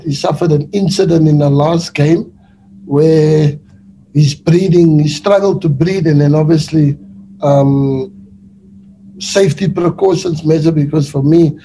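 Mellow-voiced South African football coach. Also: male voice, a little high, slight background noise, low-quality recording. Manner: relaxed, rambling, many restarts and fillers. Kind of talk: post-match press conference answers. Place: indoors before a sponsor backdrop. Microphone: webcam on a video call.

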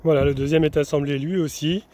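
A man's voice: on the high side, steady tone, a little fast, warm tone. A young man chatting casually through a do-it-yourself build, filling his talk with fillers and restarts as he works, partly on a camper van roof outdoors. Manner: chatty, many fillers and restarts, talking while working. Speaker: vanlife vlogger. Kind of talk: casual DIY narration.

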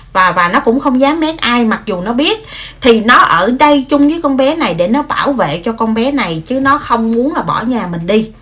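Chatty woman telling a story. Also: high-pitched. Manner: animated, frequent fillers and repeated words. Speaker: vlogger retelling a story. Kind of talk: casual spoken storytelling.

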